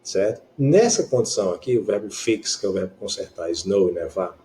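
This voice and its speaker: A man's voice: lowish voice, expressive, moderate pace, mellow, slight background noise. A man teaching an English grammar lesson in Portuguese with a Brazilian accent, explaining patiently and often checking that students follow.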